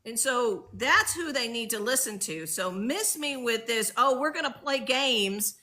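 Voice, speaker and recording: A woman's voice: on the high side, expressive, unhurried, sharp tone. A woman guest on a live stream ranting emphatically, sarcastic, mimicking others in mocking voices. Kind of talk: passionate political rant.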